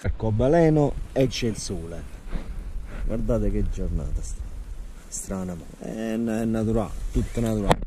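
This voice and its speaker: A man's voice: lowish voice, lively intonation, moderate pace, dark tone. A man, chatting casually to viewers while fishing from a kayak at sea, recorded on an action camera. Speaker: kayak angler vlogger. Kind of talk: casual running commentary. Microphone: action camera mounted on the kayak. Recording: action-camera audio with wind and water noise. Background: wind and water noise.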